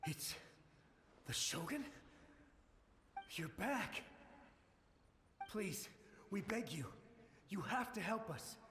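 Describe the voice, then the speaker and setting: A man's voice: high voice, sing-song, extremely slow, pauses often, noisy background, heavily acted. A man voicing a desperate, haunted samurai ghost in a video game, talking in an urgent, pleading way. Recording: echoey hall reverb. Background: game music.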